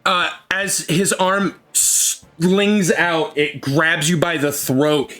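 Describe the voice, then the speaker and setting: A man narrating a tabletop game as game master, in a measured, laid-back way. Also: a little high, steady tone, sharp tone. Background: faint music.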